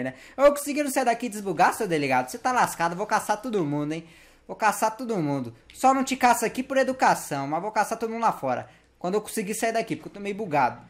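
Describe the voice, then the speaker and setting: High-voiced slangy man gaming. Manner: slangy, playful, talks to game characters. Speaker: gameplay youtuber. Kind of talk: casual gameplay commentary.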